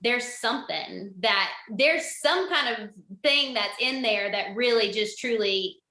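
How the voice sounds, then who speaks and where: A young woman co-hosts a podcast in a loose, chatty way, filling her talk with "like." Her voice sits a little high and sounds bright. The room rings with echo. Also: unhurried. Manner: chatty, many "like" fillers. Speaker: podcast co-host. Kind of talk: casual podcast chat. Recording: echoey room.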